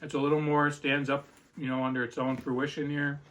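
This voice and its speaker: A man co-hosting a casual pizza podcast, giving relaxed, easygoing remarks. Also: fairly high pitch, fairly quick. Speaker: podcast co-host.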